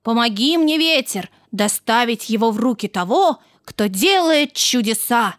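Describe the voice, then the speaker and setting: A woman storyteller voicing a gentle, dreamy snowman in a children's tale, soft and earnest. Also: on the high side, animated, a little slow, no echo, studio quality. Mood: wondering. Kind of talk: storybook character voice.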